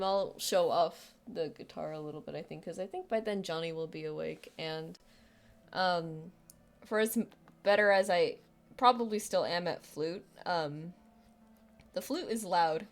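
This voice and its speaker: A young woman with a youthful, girlish but fairly low-pitched voice chats casually on a live stream. She rambles and puts herself down, with lots of restarts and fillers.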